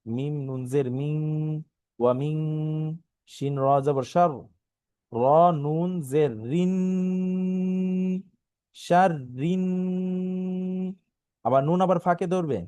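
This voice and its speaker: A man teaching Quran reading online, spelling Arabic syllables one by one and then reciting the words in a drawn-out, melodic way, with a Bangladeshi Bengali accent. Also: fairly high pitch, dark tone, no room sound, clean studio sound.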